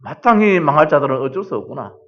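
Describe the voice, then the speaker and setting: Middle-aged male pastor, animated sermon delivery, swooping pitch, muffled church recording. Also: fast talker. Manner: animated preaching, rhetorical questions, quoting others heatedly.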